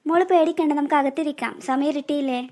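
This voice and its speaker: A woman voicing a kind older sister in a cartoon, gentle and soothing toward her little sister. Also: high-pitched, fairly even intonation, fast talker, lightly acted. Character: kind protective older sister, young girl.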